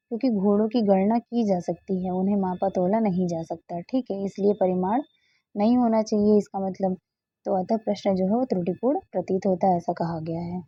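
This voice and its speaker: A woman tutor works through exam questions one at a time, patiently repeating key answers and moving on with short fillers, often saying "ठीक है" and "okay, next है". Her medium-pitched voice is slightly rough, and the recording is dry and dull.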